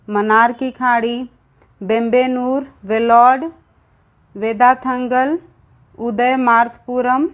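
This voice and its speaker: A young woman teacher, rattling off long lists of names in a quick exam revision lesson and calling her viewers friends. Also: fairly high pitch.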